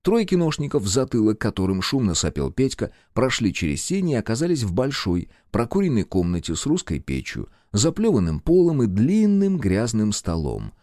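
A man narrating an audiobook in an expressive storytelling manner. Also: on the low side, moderate pace, hardly any pauses, no echo, clean studio sound.

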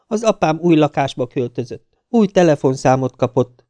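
Egy ravasz, fiatal női bűntárs , ahogy egy férfi felolvasó eljátssza egy hangoskönyvben, a saját hangjánál kissé magasabban. Gyorsan, üzletszerűen beszél, és a hang száraz, visszhangmentes. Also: male voice, fairly high pitch, animated, warm tone, no room sound, pitched above the performer's own voice, close to an everyday voice. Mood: matter-of-fact. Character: scheming young woman accomplice. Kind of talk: audiobook character voice.

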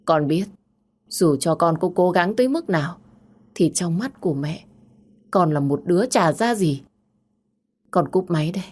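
A woman's voice: lowish voice, expressive, moderate pace, pauses often, a little mellow. A woman voicing a tired young woman who answers in a restrained, drained way. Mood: weary defiant. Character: weary, wounded young woman, quietly defiant.

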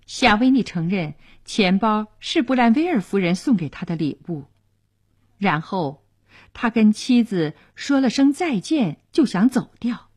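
A woman narrating a story for radio in a measured, expressive way. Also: mid-range voice, husky.

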